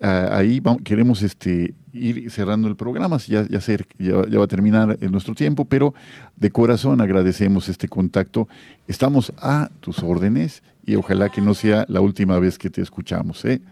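A man's voice: fairly low pitch, normal speed, gravelly, dry recording. A man with a Mexican accent hosting a live faith radio call-in show, speaking in a friendly pastoral way with many fillers. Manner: warm pastoral tone, frequent fillers. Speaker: radio host.

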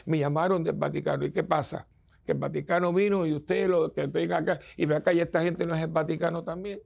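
A priest preaches a sermon emphatically, acting out the voices of the people he quotes. His voice is gravelly and husky, a little high and a little mellow.

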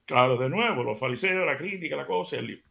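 Gravelly man preaching on radio. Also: medium pitch, fast. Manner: animated, dramatic storyteller who drops to soft near-whispers for emphasis. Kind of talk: radio devotional storytelling.

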